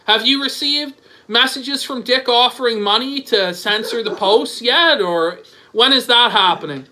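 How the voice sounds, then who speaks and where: A man's voice: very high-pitched, unhurried, pushed and bright, a little hiss or hum, poor audio. A man hosting a stream, ranting in scornful, profane commentary. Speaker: stream host.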